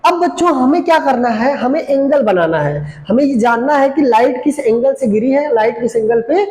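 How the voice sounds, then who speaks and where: Male physics teacher with a high voice, quizzing the class and answering himself, mixes in English terms; roomy, echoey recording. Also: expressive, normal speed, darkish tone. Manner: asks questions and answers them himself. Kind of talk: classroom lecture to children. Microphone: camera.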